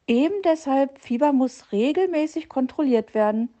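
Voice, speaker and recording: A woman's voice: high voice, animated, moderate pace, mellow, voice pushed up. A woman voicing a small, eager male bluebird who fusses like a nurse, in a chirpy, piping voice. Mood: insistent.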